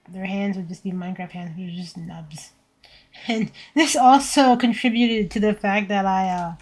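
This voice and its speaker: A woman in her twenties chatting casually and thinking aloud while drawing on a stream, in a tired, low-energy, laid-back voice, into a desk mic. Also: a little mellow. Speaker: VTuber streamer. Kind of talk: casual art stream chat. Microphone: desk microphone set to surround pickup.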